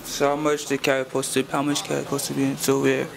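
A man's voice: medium pitch, completely flat delivery, fast talker, creaky, heavy background noise. A man asking the cook short questions from behind the camera in a home kitchen. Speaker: person filming the cook.

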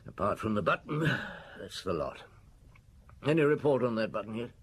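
Maigret, a dry, animated police chief. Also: male voice, on the low side, moderate pace, husky. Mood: dry, matter-of-fact. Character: shrewd, unhurried male police chief inspector. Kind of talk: radio drama acting.

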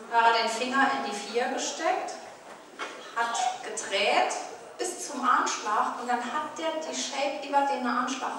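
A woman with a Saarland German accent tells a carnival comedy story, slipping into the voices of the people in it. Her voice sits high. She is heard from a distance in a very echoey hall, with a crowd clearly present. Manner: chatty storytelling, acting out dialogue. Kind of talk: carnival stand-up monologue. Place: large carnival hall with audience.

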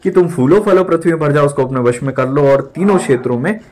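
A man's voice: a little high, animated, fast talker, darkish tone. A young man in his twenties preaching an emphatic sermon as a pastor, mixing in English words and repeating lines for stress.

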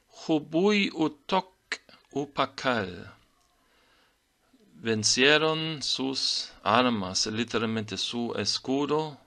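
A man whose first language is German, slowly explaining Maya glyphs in a lesson, pausing to read out each sign. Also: fairly low pitch, a bit bright. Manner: slow, deliberate reading of glyph names. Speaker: teacher of Maya writing.

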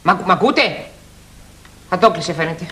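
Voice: medium pitch, heavy background noise, natural voice. A performer playing a polite, bewildered male children's journalist in a 1980s children's TV show. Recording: roomy old TV recording with faint music.

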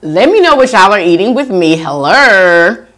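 Woman, mukbang host, giggly casual chat, very animated voice. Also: mid-range voice, moderate pace. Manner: chatty, giggly, reads viewer comments aloud. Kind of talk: casual chat while eating on camera.

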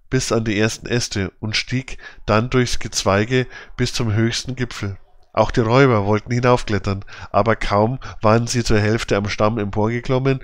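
A man narrating a classic children's story in an even, measured reading. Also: fairly low pitch, no room sound. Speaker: audiobook narrator.

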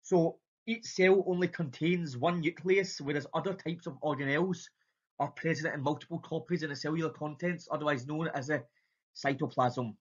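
A man with a strong Scottish accent giving an informal, somewhat halting biology lecture over slides. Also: on the high side, steady tone, slightly rough, dull audio.

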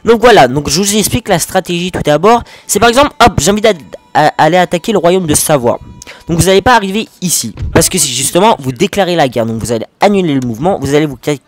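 A man with a French accent giving a casual, rambling gameplay tutorial, talking fast and swearing constantly. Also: a little high, lively intonation. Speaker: gaming video host.

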